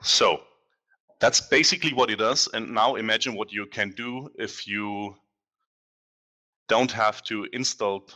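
In a dim indoor space facing a big screen, a man from Germany walks an online meetup through a casual software demo using a headset mic. The voice sits on the low side but has a bright quality, and he keeps things conversational, frequently pausing with "um" and fixing his own wording.

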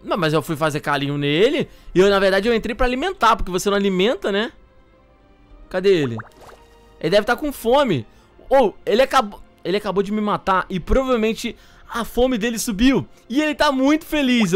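A young man hosting a gaming channel, chatting excitedly and joking with his co-player during gameplay. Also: sits high, fairly quick, faint music behind. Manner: animated, exclaiming, joking with co-player.

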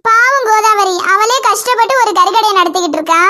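A woman's voice: extremely high pitch, brisk. A woman with a Kanyakumari Tamil accent voicing a bossy, scolding chicken-shop owner in a cartoon. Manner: scolding, sharp-tongued. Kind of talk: cartoon voice acting.

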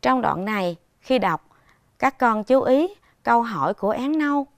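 A woman primary school teacher leads a televised reading lesson for young children. She speaks patiently and instructively, pronouncing every word clearly. Her voice sits fairly high, and the recording is dry and close. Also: animated, moderate pace, no echo.

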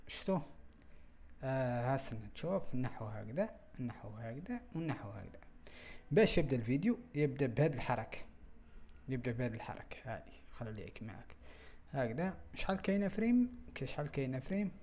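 Gravelly Algerian man muttering through a tutorial. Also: mid-range voice, very animated, darkish tone. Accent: Algerian Arabic. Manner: thinking aloud, halting, mutters to himself while working. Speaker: software tutorial host. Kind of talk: screen-recorded software walkthrough.

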